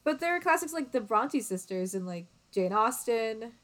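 A young woman co-hosting a casual book podcast, chatty and agreeable and quick to laugh. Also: a little high, animated, a bit bright. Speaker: podcast co-host. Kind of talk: casual book-club chat. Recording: remote call audio.

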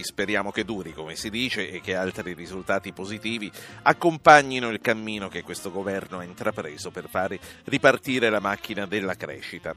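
A man's voice: fairly low pitch, fairly bright tone. A man hosting a live current-affairs radio programme, presenting the topics and putting questions to guests. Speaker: radio host. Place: radio studio.

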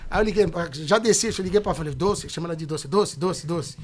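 Brief: Brazilian pastor on a podcast, man, quick animated storyteller with a high voice, faint hiss behind. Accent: Brazilian Portuguese. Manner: acts out quoted dialogue with lively voice shifts.

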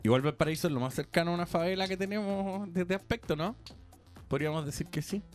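A man's voice: high-pitched, fast talker, faint music behind. A Chilean man hosting a comedic radio show, joking and mimicking sounds and voices. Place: radio studio.

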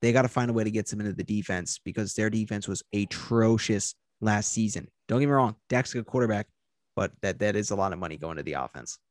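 A man's voice: fairly low pitch, fast talker, no echo. A man hosting a sports talk show, running through news items and steering the talk. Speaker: host.

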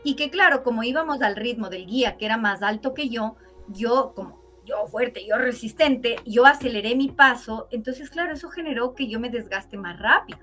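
Brief: woman, interview guest, high bright voice, lively storyteller, soft music underneath. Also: moderate pace. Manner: animated, acts out quoted voices with exclamations.

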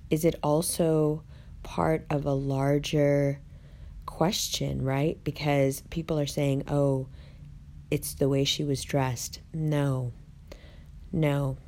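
Low-voiced woman vlogger who rolls her R's. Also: gravelly, mellow. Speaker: online video host. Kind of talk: casual chat, talking to viewers.

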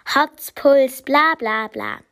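A woman's voice: high-pitched, wildly swooping pitch, very slow, fairly bright tone, full character voice. A woman voicing an impatient eight-year-old girl who pleads and whines in a storybook reading. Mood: eager. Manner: pleading, eager, whiny when disappointed.

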